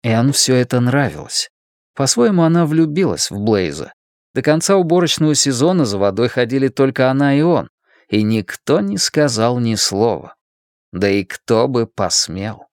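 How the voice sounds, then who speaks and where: Reading an audiobook script, a man tells the story in measured, expressive fashion with a mid-range voice. There's no echo, and the studio sound is clean.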